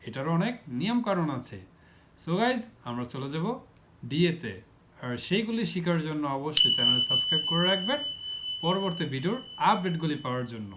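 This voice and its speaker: A man teaching the English alphabet to children, explaining each letter slowly and repeating words, with a Bangladeshi Bengali accent. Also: on the high side, noisy background. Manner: slow, repetitive, step-by-step explaining.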